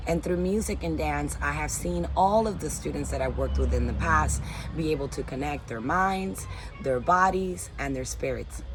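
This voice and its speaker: A woman in her forties from the Dominican Republic gives a personal statement to camera outdoors, under a backyard canopy, recorded on a phone. With a deep voice, she speaks earnestly and cheerfully about being a teaching artist, over slight background noise in rough audio.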